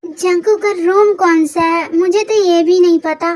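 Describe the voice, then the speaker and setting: A woman's voice: very high voice, steady tone, measured pace, darkish tone. A reader voicing an innocent young woman who is startled and asks questions, in a fan audio story. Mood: puzzled.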